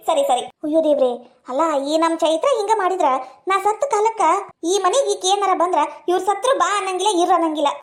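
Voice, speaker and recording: A woman with a North Karnataka accent performing a village comedy skit, talking in rapid, chiding village banter. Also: very high-pitched. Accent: North Karnataka Kannada.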